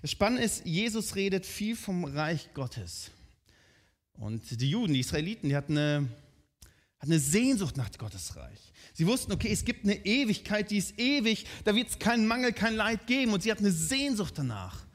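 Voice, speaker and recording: A man's voice: sits high, sing-song, normal speed. A man preaching a sermon in a conversational way, often asking his listeners direct questions.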